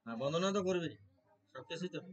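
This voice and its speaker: A man who chants Sanskrit prayers loudly, one word at a time, and also talks about religion in a casual, conversational way. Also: on the high side, animated, fast, dull audio. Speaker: Gita devotee leading prayers.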